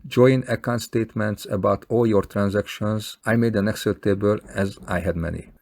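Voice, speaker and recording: Male video maker, Hungarian accent, lowish gravelly voice, earnest and plain-spoken direct appeal. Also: fairly even intonation, normal speed, a little mellow. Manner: earnest, plain-spoken, non-native phrasing. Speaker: video maker appealing to fellow scam victims. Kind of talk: scripted appeal to camera.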